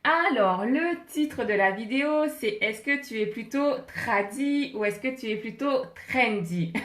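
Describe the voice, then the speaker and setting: A woman's voice: on the high side, measured pace, fairly bright tone, echoey room. Chatty woman live-streaming from her phone. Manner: chatty, laughs often, greets viewers by name. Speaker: MLM coach hosting a live stream. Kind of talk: casual live-stream chat with viewers. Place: home office, indoors. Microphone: phone held in hand.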